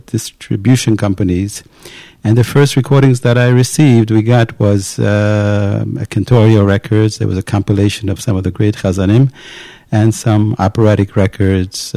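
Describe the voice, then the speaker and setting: Gravelly-voiced male cantor telling his story. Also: fairly low pitch, dark tone, no echo. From United States. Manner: unhurried storytelling with occasional fillers. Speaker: cantor, interview guest. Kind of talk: casual interview, recounting his background.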